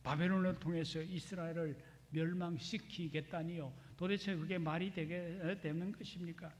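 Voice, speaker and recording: A man's voice: a little high, steady tone, normal speed, close to an everyday voice. A man preaching who voices an anguished male prophet, crying out to God in an indignant, pleading tone, in a hall with a long reverb.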